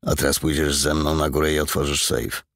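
A man's voice: a bass voice, completely flat delivery, brisk, a bit bright, no echo, studio quality. A man voicing a brutal, menacing male bandit leader who gives commands and threats in a cold, businesslike way.

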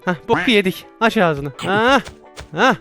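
Excitable high-voiced man narrating VR chaos. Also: unhurried, soft background music. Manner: excitable, exclaiming and laughing at his own mishaps. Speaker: VR gameplay streamer. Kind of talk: casual gameplay commentary.

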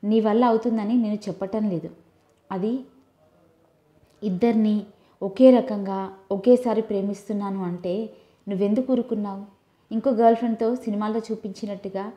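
A woman voicing a brisk, teasing young woman who scolds her heartbroken friend in an audiobook. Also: mid-range voice, dark tone, highs cut off, close to an everyday voice. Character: young woman, bossy and caring best friend. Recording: roomy echo.

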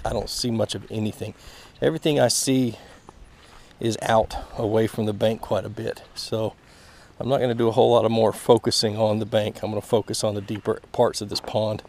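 Gravelly-voiced man fishing a pond bank. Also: mid-range voice. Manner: relaxed, explaining as he fishes, chuckling. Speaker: fishing channel host. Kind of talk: casual outdoor fishing vlog with tips. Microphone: head-mounted action camera. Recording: outdoor camera mic with faint background noise.

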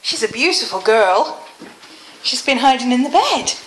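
British woman vlogger, bright but slightly wheezy voice. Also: a little high, very animated, moderate pace. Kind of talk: casual chatty vlog. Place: rooms at home, indoors. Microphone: handheld phone or camera. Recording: echoey room, some noise and clicks.

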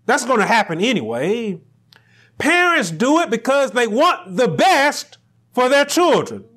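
A middle-aged man preaching a sermon from a pulpit in a small church room, building to near shouts on key lines. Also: very high voice, big pitch swings, breathy edge. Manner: rising to near shouts on emphatic lines, slow deliberate phrasing. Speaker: pastor.

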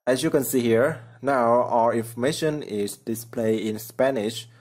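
Slightly slow and darkish in tone, a medium-pitched man walks through a coding tutorial in voice-over. He keeps it plain and step by step, with simple phrasing typical of a non-native speaker.

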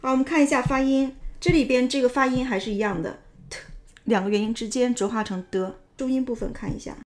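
A woman with a fairly high voice teaches English in Mandarin, breaking each sentence into parts and walking through grammar and sound changes. She pauses on filler sounds and moves on patiently, step by step.

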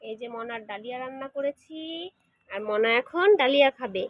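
A woman's voice: a little high, moderate pace, dry recording, dull audio. A woman talking to her pet in doting, coaxing baby talk. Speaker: pet owner vlogger.

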